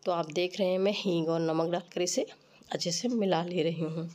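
Female cooking host, lowish pitch, congested and slightly rough from a cold, instructing informally. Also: steady tone, moderate pace, a little mellow. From Uttar Pradesh, India. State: stuffy nose and rough voice from a cold. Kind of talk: recipe tutorial narration.

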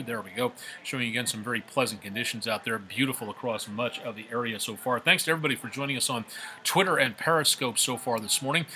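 A male TV meteorologist doing a live weather forecast, ad-libbing loosely and repeating himself, his voice coming through a faulty mic on a low-quality stream. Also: sharp tone, slight background noise. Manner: loose, repetitive, filler-heavy ad-libbing. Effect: low-quality stream audio from a faulty microphone.

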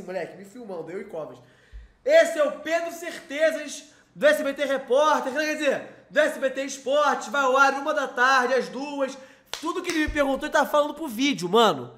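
Excited high-voiced Rio storyteller. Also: male voice, fairly quick. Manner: excited, swearing, slangy, repeats himself. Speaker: host telling a story. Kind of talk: casual storytelling.

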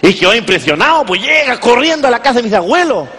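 A man's voice: extremely high pitch, big pitch swings, fast, pushed and bright, husky, heavily acted. A man playing a folksy old Chilean country grandfather. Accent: Chilean rural. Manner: rambling, folksy, repeats a pet word. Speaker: comedian. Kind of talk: stand-up character comedy. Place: large stage before an audience. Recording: long hall reverb.

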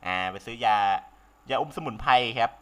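A young man with a sore throat giving casual, excitable let's-play commentary, swearing freely and laughing often. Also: mid-range voice, moderate pace. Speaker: game commentator.

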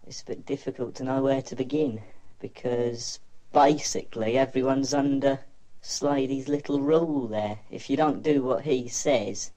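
A teenage boy giving quiet, matter-of-fact interview testimony through an electronically disguised voice. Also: medium pitch, steady tone, moderate pace, poor audio. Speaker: anonymous pupil.

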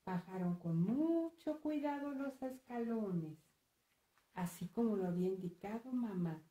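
Slow, mellow storyteller woman. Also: mid-range voice. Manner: slow, expressive, talks to listeners directly. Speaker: storyteller and author. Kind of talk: storytelling for children. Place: museum hall. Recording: echoey room.

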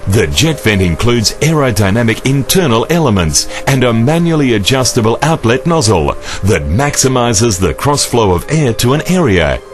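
A middle-aged man giving a scripted commercial voice-over in a smooth, persuasive manner. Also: medium pitch, big pitch swings, normal speed, few pauses. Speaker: voice-over narrator. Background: music.

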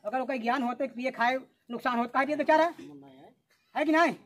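A man's voice: very high voice, a little fast, fairly bright tone. A man playing an exasperated, scolding village elder in an amateur comedy skit, with an eastern Uttar Pradesh accent. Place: open village courtyard. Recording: noisy outdoor camera sound.

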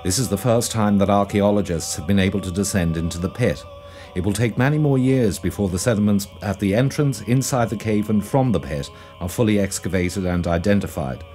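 Low, mellow male documentary narrator. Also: a little fast. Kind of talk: scripted narration. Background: faint music.

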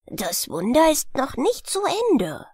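A woman voicing a proud, eager male sunbeam in a storybook, speaking softly with some whispered words. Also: a little high, big pitch swings, slow, husky, dry recording, studio quality, heavily acted. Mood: proud gentle.

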